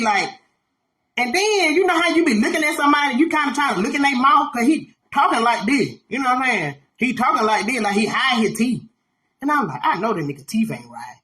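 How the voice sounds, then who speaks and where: Brash, animated woman telling a story. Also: high voice. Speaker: podcast host. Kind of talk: casual storytelling to an audience.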